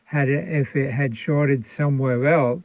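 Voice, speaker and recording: At his workbench, a man who hosts as a radio restoration hobbyist rambles through an explanation of a repair, often saying um and starting over. He speaks a little slowly in a steady, mid-range voice, with no echo but a tinny, phone-like sound.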